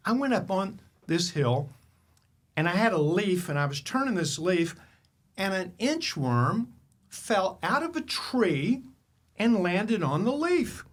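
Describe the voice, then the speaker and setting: A man's voice: sits high, sing-song, slow. Emphatic man hosting a motivational podcast. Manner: emphatic, rhetorical questions. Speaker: podcast host. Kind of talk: motivational storytelling.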